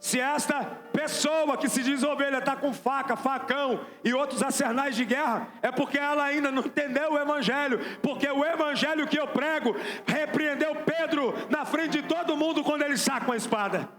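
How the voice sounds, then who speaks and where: High-voiced Brazilian preacher in echoey hall. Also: male voice, moderate pace, fairly bright tone. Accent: Brazilian Portuguese. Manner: emphatic, repeats lines, questions the crowd. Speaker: apostle preaching. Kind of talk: sermon. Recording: echoey church with background music.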